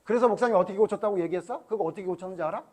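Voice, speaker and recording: A man's voice: high-pitched, rapid-fire, darkish tone. A male pastor giving a Sunday school sermon to children, chatting with them and quizzing them with questions.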